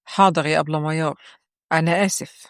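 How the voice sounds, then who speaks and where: A woman's voice: deep voice, fairly even intonation, quick pace, dry recording, clean studio sound, voice pushed down. A woman with an Egyptian accent voicing a sulky, defensive teenage boy in a told story. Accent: Egyptian Arabic. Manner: sulky, protesting.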